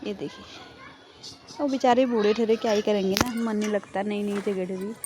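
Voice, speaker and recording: A woman's voice: mid-range voice, fairly even intonation, normal speed, noisy background. A woman vlogger giving a playful, giggly running commentary to her viewers while filming outdoors on a rooftop. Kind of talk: casual vlog commentary.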